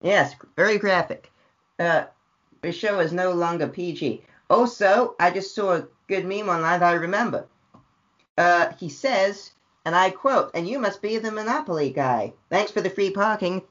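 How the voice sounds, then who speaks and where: Over dull, lo-fi video-call audio, a podcast guest with a high voice chats casually about reviews at a normal speed. He talks energetically, repeats himself, and now and then lets out loud yelps.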